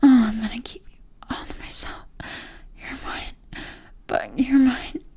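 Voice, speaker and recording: A woman performing an intimate audio roleplay in a soft, breathy whisper. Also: a little high, steady tone, a little slow.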